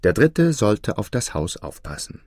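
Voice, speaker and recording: A man reads a fairy tale aloud in a low, expressive voice. His pitch swings widely to bring the story to life. The recording is dry and close, with no room sound. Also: measured pace, dry recording.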